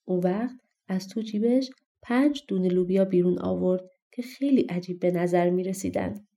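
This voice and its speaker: Mellow woman reading a fairy tale. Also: fairly low pitch. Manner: calm, expressive reading. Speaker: audiobook narrator. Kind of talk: storybook narration.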